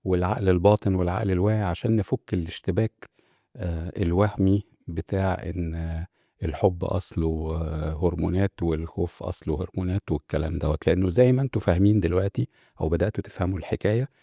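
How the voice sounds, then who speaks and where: A man's voice: sits low, fast, gravelly, dark tone, dry recording, studio quality. A man with an Egyptian accent hosting a casual self-help talk. He speaks to viewers directly, with many fillers and restarts. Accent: Egyptian Arabic. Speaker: host.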